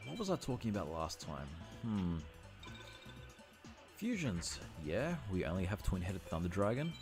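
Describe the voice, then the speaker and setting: Brief: male streamer, deep voice, chatty and self-correcting, faint game music behind. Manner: chatty, thinks aloud and corrects himself often. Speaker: livestreamer. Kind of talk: casual gameplay livestream commentary.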